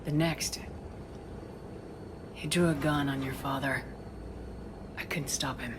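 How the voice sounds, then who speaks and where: An actress voices a steely yet compassionate female space commander in cinematic video game dialogue, terse and authoritative with a grave, gentle mood. Her bass voice is steady and slow, with background noise present.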